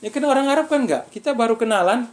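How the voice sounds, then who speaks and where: A man giving a relaxed religious study talk to students, speaking with an Indonesian accent and checking in with his listeners often. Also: extremely high pitch, fast talker. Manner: conversational, keeps asking "ya kan?". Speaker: visiting preacher.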